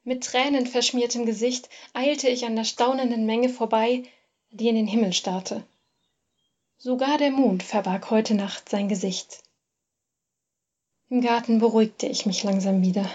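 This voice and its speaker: A woman narrating a first-person literary story in a measured, expressive reading. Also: on the high side, lo-fi sound.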